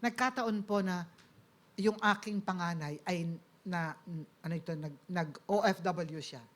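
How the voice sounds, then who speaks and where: A woman's voice: lowish voice, measured pace. Filipino-accented middle-aged woman preaching a testimony. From Philippines. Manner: polite, addressing the audience with frequent "po" and "okay?"; mixes Tagalog and English. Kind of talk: personal testimony sermon.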